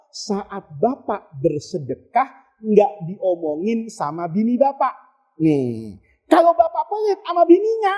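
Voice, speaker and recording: A man's voice: very high voice, dark tone. A middle-aged man giving a humorous sermon, telling jokey stories and acting out the voices he quotes. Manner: jokey storytelling, acts out quoted voices, laughs. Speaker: preacher.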